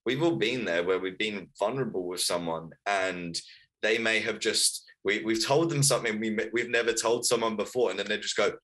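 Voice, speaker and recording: A man's voice: lowish voice, moderate pace, fairly bright tone, low-quality recording. A man of thirty, telling his life story earnestly as an author guest in a casual interview. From Wales, raised in London. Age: 30s.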